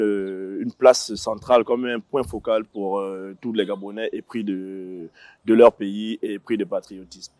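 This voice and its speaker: A man in his thirties, guesting on a panel discussion at an outdoor set on a city square, speaks in a lowish, darkish voice with no echo. Recorded on a lapel mic, he fills his speech with fillers and restarts.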